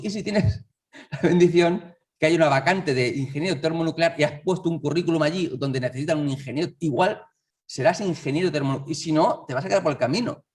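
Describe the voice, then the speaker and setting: Man, sermon, conversational, rhetorical questions, fairly high voice, distant mic. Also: a little mellow. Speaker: lay preacher. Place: church hall.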